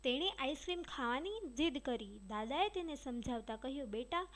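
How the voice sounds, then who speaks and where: Reading a children's storybook at a normal pace, a teacher speaks to her young pupils directly in a high voice with lively intonation. She gives the characters' dialogue a touch of light expression.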